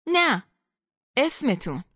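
A woman's voice: medium pitch, lively intonation, husky, no echo, dull audio. A woman voicing a cold, curt middle-aged woman within a read story, speaking dry and cold.

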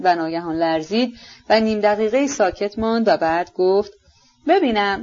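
A woman reads a novel aloud in a steady, measured storytelling voice. Her pitch is in the middle range for a woman. The recording is slightly dull and lo-fi. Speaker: audiobook narrator. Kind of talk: scripted narration of a novel.

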